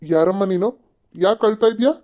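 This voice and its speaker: A woman's voice: medium pitch, moderate pace, warm tone, lo-fi sound, close to an everyday voice. A woman doing a stern male policeman. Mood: probing. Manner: gruff, questioning, threatening. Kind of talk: amateur cartoon voice acting.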